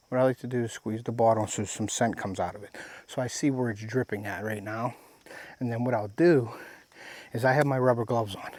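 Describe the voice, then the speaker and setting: Folksy guy doing a hunting how-to out in the woods, talking as he works, tractor rumbling behind him. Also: a little mellow. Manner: folksy, talks while working with his hands. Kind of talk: casual step-by-step outdoor demonstration. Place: outdoors in the woods. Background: tractor rumbling nearby.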